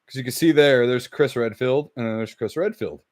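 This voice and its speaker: A man's voice: mid-range voice, fairly quick, darkish tone. A man co-hosting a gaming podcast, chatting casually, rambling and reading out chat comments with the odd swear word. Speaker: podcast co-host.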